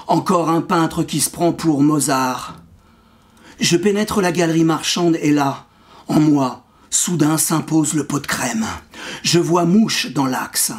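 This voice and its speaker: A poet reading his own poem aloud with a measured, rhythmic delivery. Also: fairly high pitch, darkish tone. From France. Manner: measured, rhythmic recitation with wordplay. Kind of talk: poetry reading.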